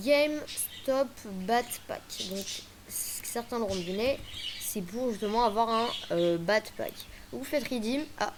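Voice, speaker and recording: A woman's voice: mid-range voice, background noise. A woman chatting casually through a game tutorial, hesitant, with many fillers and restarts. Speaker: gaming video creator.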